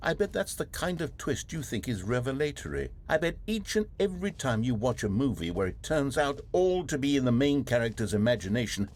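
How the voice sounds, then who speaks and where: A theatrical game narrator, swinging widely in pitch as he addresses the player. He is condescending and wheedling, with a villain's smooth menace beneath his dramatic storytelling.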